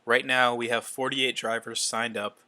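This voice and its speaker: A man's voice: medium pitch, little pitch movement, normal speed, pushed and bright. A man hosting a casual podcast, rambling loosely with lots of fillers. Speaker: podcast host. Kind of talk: casual chat about racing.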